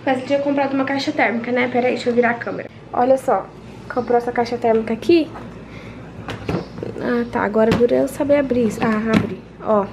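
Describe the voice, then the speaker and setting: Speaking quickly in a high-leaning, fairly even voice, a young woman from Brazil films a casual family vlog at home on a handheld camera. She chats with her viewers and recounts her day step by step, with noticeable background noise.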